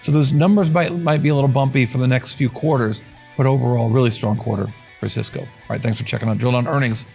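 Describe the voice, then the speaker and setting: A man hosting an earnings commentary show, talking in a brisk, conversational way with wry asides. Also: medium pitch, steady tone, gravelly, a little mellow, faint music behind. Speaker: host and market strategist.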